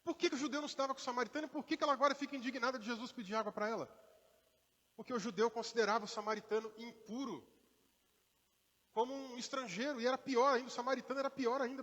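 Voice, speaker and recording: In a church hall with long reverb, a fast-talking pastor gives a sermon, chatting casually with the congregation and performing brief quotes. Born in Rio and raised in inland Minas Gerais, Brazil, he has a mixed Brazilian Portuguese accent partly shaped by Minas Gerais, and his voice is fairly high for a man.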